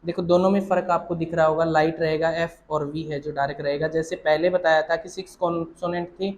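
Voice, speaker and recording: A man's voice: a little high, little pitch movement, a little fast, slight background noise, rough recording. A man teaching shorthand, explaining each point step by step, repeating himself and quizzing the listener.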